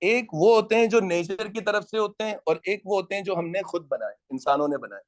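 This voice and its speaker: A man's voice: sits high, fairly quick. A man teaching an economics class, lecturing and quizzing students and teasing latecomers.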